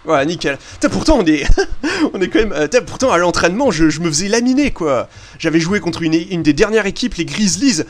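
Chatty young man, high voice. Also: fairly quick, a little hiss or hum. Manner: chatty, excitable, swears casually, hesitant fillers. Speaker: gaming video host. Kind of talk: casual let's-play commentary.

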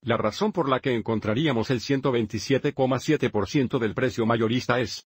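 A man narrating a dubbed math lesson, explaining each step in a steady, methodical way. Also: mid-range voice, normal speed, slightly rough, no echo. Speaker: math teacher.

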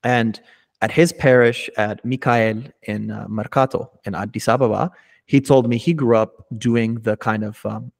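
A man's voice: medium pitch, steady tone, moderate pace, gravelly. A man in his thirties hosting an interview over a video call, asking detailed, thoughtful questions into a studio mic with a pop filter. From United States. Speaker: podcast host. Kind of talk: conversational interview. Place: small indoor room, video call. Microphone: studio mic with pop filter, headphones.

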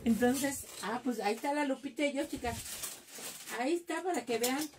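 A woman with a Mexican accent runs a live craft tutorial, talking casually and cracking jokes with her viewers as she works. Her voice sits a little high, and she sometimes drifts off the mic while busy with her hands. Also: moderate pace, a little mellow, a little hiss or hum. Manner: chatty, jokey, calls viewers "chicas". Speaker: craft class host.

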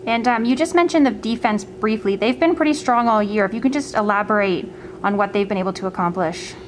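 A woman interviewing a football coach, asking her questions in a polite, measured way. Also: medium pitch, slight background noise.

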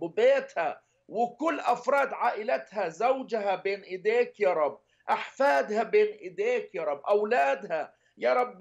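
High-voiced man in earnest prayer. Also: dull audio. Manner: earnest, pleading, repetitive petitions. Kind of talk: intercessory prayer.

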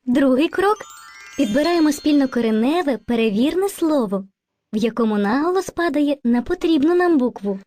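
A woman voicing a kind, patient female spirit of language who teaches children, gently coaxing them with endearments in an educational cartoon. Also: sits high, lively intonation, normal speed, no room sound. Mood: gentle.

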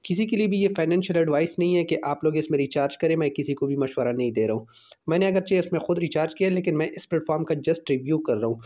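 A man's voice: a little high, quick pace, dark tone. A man, the channel host, narrating a screen-recorded app walkthrough step by step with repeated fillers. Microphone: off-screen voice-over over phone screen recording.

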